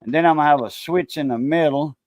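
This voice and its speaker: Speaking fast in a slightly high voice, this man on the verge of sixty chats easily on a live stream. He's in his fifties, laid-back, laughs readily, and leans on plenty of filler words.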